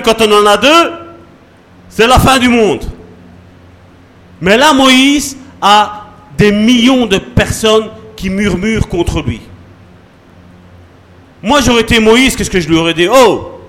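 A man preaching a sermon as pastor, swinging between soft asides and loud calls to the congregation. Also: very high-pitched.

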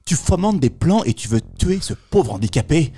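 A man's voice: on the high side, sing-song, normal speed, dark tone, husky. A man playing a role in an improvised role-play, accusing and mocking his partner. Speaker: player.

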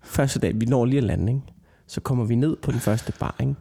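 A man's voice: medium pitch, gravelly. A man co-hosting a casual podcast chat, rambling through stories with constant tag questions and frequent laughter. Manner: rambling storyteller, lots of "ikke?" tags; laughs often, gets loud and excited. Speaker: podcast co-host.

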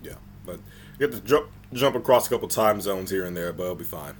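A man co-hosting a podcast in casual banter, laid-back and deadpan, stubbornly brushing off his friends. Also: low-pitched, fast talker, a little hiss or hum. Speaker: podcast co-host.

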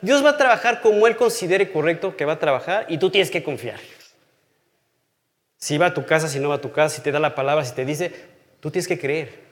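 A man's voice: fairly high pitch, lively intonation, a little fast. A man, in his thirties or older, teaching from the Bible in a personal, conversational way. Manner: earnest and personal, drops to a hush on key phrases. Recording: long hall reverb.

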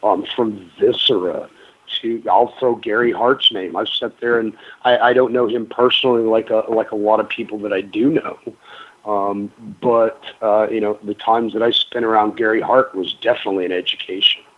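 A man's voice: on the low side, steady tone, normal speed. A middle-aged man telling wrestling stories in a casual radio interview, rambling with lots of ums and restarts. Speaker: guest, pro wrestler. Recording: narrow phone-like radio sound.

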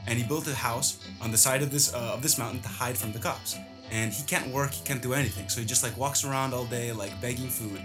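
A man's voice: medium pitch, fast talker. A man telling a personal story in a loose, rambling way, full of filler words, with guitar music under his voice. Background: plucked guitar music.

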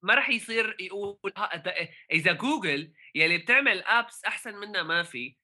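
A man with a Levantine Arabic accent talking casually about tech in a halting way, mixing English terms into his speech. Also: high voice, expressive, sharp tone. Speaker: podcast co-host.

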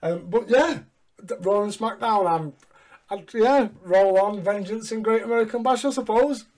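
A man hosting a casual recap chat with sweary, excitable fan talk. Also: high voice, normal speed. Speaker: wrestling podcast host.

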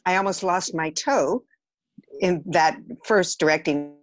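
In a lowish voice at a measured pace, a woman from the Los Angeles area, a theatre director, guests on a podcast. The interview is casual, and she tells her stories candidly, with humour at her own expense.

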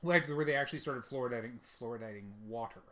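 A man co-hosting a podcast in casual chat, animated, often jumping into mocking voices to quote people. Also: mid-range voice, fast, a crowd in the background. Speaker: podcast co-host.

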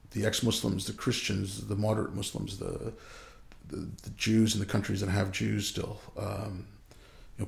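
A man speaking as a guest in a casual conversation, earnest and a bit halting, often trailing off. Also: fairly low pitch, vocal fry. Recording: echoey room.

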